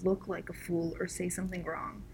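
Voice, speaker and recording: A woman's voice: fairly low pitch, little pitch movement, normal speed, darkish tone, a little hiss or hum. A young woman hosting a casual chat, chiming in with supportive, relatable asides.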